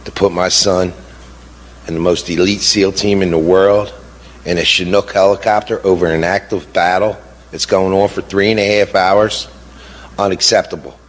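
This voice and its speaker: A man's voice: deep voice, fairly even intonation, normal speed. A middle-aged man, a bereaved father giving impassioned testimony, blunt and indignant, repeating words for emphasis and firing off rhetorical questions.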